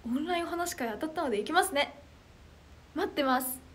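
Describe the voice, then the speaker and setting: A young woman reads comments from her livestream viewers and chats casually, her reactions bubbly and excitable. She talks fairly quickly in a high-pitched, anime-like voice that is loud, clear and carries well.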